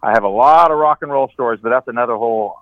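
A man's voice: mid-range voice, fast, dry recording. Middle-aged man on a tinny speakerphone. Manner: easygoing, rambling, chuckling. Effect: on speakerphone over a phone call. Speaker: guest angler calling in. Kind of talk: casual chat. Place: his home. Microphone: cell phone on speakerphone. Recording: tinny dry phone line.

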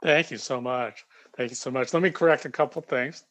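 A man from the United States, a guest on a podcast, speaking in a calm, measured and reflective way. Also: medium pitch, no room sound. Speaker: guest, leadership coach. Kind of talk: casual interview chat.

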